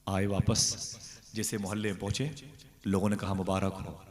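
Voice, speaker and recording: A low-pitched male preacher narrates a devotional story with lively energy, slipping into the characters' voices and turning to his listeners with questions. His voice carries the long reverb of a large gathering hall. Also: moderate pace. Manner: animated, acts out dialogue, questions the audience. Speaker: religious speaker at a devotional gathering. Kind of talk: sermon storytelling.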